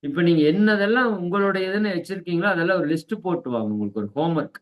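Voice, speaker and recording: A man with a fairly high voice gives a spiritual class in a teacherly manner. He keeps asking his listeners whether they follow, and he slows down to recite key verses. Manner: teacherly, asks "right?" to check understanding.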